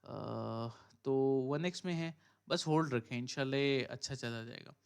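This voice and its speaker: On a live stream, a man who mentors crypto traders chats his way through charts, thinking out loud. His mid-range voice is creaky but clean and moves at a moderate pace, and his Hindi-Urdu speech is laced with English phrases, fillers, and frequent "ठीक है".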